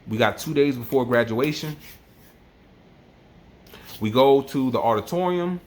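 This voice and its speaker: A man's voice: mid-range voice, lively intonation, unhurried, darkish tone. A man telling a personal story as a vlogger, emotional and worked up, often repeating himself. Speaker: army NCO vlogger.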